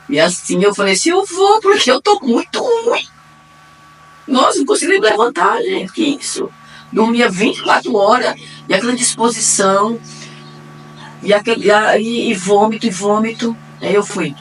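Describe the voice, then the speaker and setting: A woman with a Brazilian accent giving a personal faith testimony, acting out the dialogue as she retells it and swinging between quiet and excited. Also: low-pitched, slight background noise. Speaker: testimony giver. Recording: distant mic, faint room ambience.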